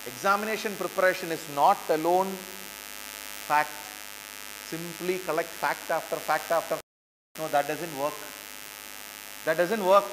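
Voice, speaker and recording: A man's voice: on the high side, unhurried, pauses often, in a large hall, noisy background. A man with an Indian English accent giving a motivational classroom lecture, asking rhetorical questions and repeating key phrases for emphasis. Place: lecture hall.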